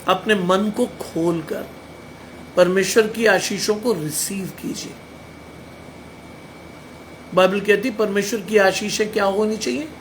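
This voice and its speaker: A man's voice: high-pitched, measured pace, pauses often, a little hiss or hum. A man preaching a sermon, blunt and emphatic, firing rhetorical questions at his listeners. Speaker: pastor.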